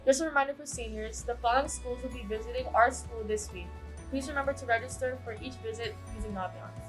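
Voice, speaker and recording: A woman's voice: a little high, quick pace, poor audio. A teenage girl reading scripted school morning announcements, intercom style, as a student announcer. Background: music.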